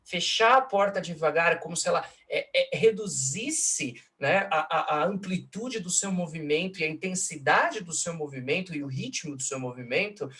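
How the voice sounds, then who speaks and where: A man with a slightly high voice teaches in an online live, talking into a computer mic. He explains patiently, step by step, and keeps checking in with his listeners through short tag questions. When he taps out a rhythm, he slows down and leans on each syllable. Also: animated, sharp tone. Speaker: host and lecturer. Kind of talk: online lecture analyzing song lyrics. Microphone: computer mic in a live video call.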